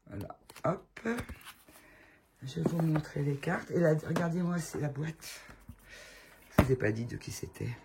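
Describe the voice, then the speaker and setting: A woman's voice: low-pitched, expressive, unhurried, vocal fry, long pauses, noisy background. A woman with a cold chatting casually to her viewers at home, fondly showing off new items she loves. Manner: chatty, fond, gushing over the items. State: has a cold, voice affected. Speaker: tarot channel host. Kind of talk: casual show-and-tell chat to viewers.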